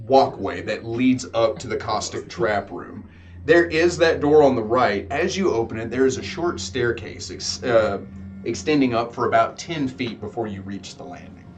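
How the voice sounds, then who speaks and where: A man running a tabletop game as game master, giving descriptive narration with some fillers, heard from a distance. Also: medium pitch.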